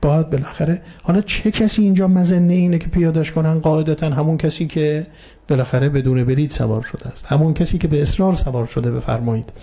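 Male preacher, slightly high, mellow tone, patient explanatory sermon delivery, muffled recording. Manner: explanatory, addresses audience politely, quotes Arabic verses. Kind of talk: sermon on Quranic story.

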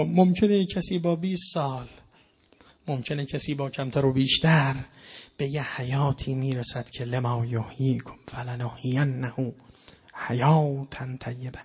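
A man preaching in a hall, with a somewhat raised voice that has a husky, slightly breathy grain. He explains his points patiently and lingers on each Quranic verse he recites. The recording sounds dull and lo-fi. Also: a little high. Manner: measured and explanatory, slowly chanting Quranic verses. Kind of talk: sermon. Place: lecture hall with a live audience.

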